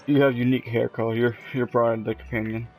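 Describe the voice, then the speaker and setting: A man gives casual let's play commentary and reads out dialogue choices. His voice has plenty of fry at a middling pitch, with faint music behind him. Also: flat delivery, fast talker, a little mellow, poor audio.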